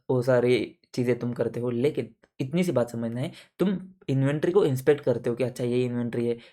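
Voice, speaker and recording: A man with a mellow, mid-range voice teaches an audit exam lecture in a relaxed, buddy-like style. He repeats key points, checks that students are keeping up, calls them buddies, and uses everyday shop examples.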